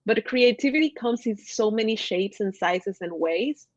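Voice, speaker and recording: A woman's voice: fairly high pitch, expressive, normal speed, no echo, highs cut off. A woman from Ecuador, a graphic designer, chatting as a guest on a video call in a talkative, enthusiastic way. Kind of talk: casual video-call chat.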